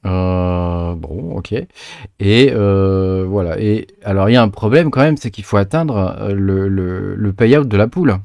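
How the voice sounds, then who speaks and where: A man with a lowish voice walks viewers through a tutorial in a loose, chatty way. He stumbles, repeats himself and fills gaps with hesitation sounds. The sound is dry and close, with no room around it. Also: measured pace, creaky, a little mellow, dry recording. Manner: hesitant, lots of filler sounds and restarts; chatty, addresses viewers directly. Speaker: crypto mining tutorial host. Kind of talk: casual screen-share tutorial.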